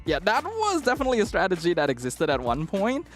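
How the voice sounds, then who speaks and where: A man with a fairly high voice talks esports on an analyst desk. He is playful and self-deprecating. Faint music sits behind him. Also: wildly swooping pitch, fast. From Malaysia.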